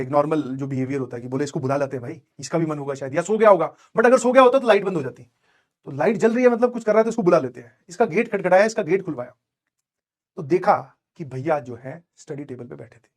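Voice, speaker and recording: Fast-talking Indian male teacher. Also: on the high side. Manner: conversational, checks understanding with asides; mixes Hindi with English phrases. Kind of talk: motivational classroom storytelling.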